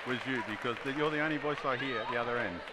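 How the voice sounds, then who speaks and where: A man's voice: medium pitch, rapid-fire, rough recording. A middle-aged man with an Australian accent, chatting casually as a guest in a live interview. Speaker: interview guest, player's father. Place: indoor basketball gym during a game. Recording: very loud gym crowd and bouncing balls.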